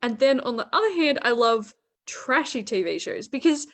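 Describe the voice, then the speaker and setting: A young woman, co-hosting a casual chat about relaxing media, bubbly and quick to laugh. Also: fairly high pitch, animated. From Australia. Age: young adult. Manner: bubbly, laughs often, says "like" a lot. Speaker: co-host.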